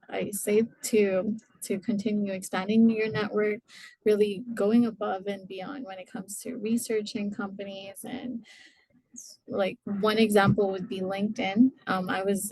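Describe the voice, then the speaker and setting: A woman's voice: mid-range voice, darkish tone, slightly rough, no echo, rough recording. A woman giving informal advice as a panelist, feeling her way through phrases and checking for agreement. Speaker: employer panelist.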